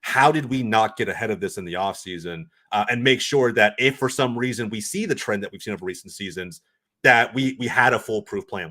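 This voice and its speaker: A man talking as a guest pundit on a casual football podcast, analysing quickly with many restarts and "right?" asides. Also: lowish voice. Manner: fast, animated analysis with restarts and "right?" tags.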